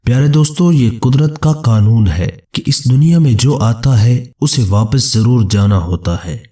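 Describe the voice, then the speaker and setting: Solemn, mellow-voiced male preacher. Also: medium pitch, animated, recorded from a distance. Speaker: religious narrator. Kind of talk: scripted religious narration.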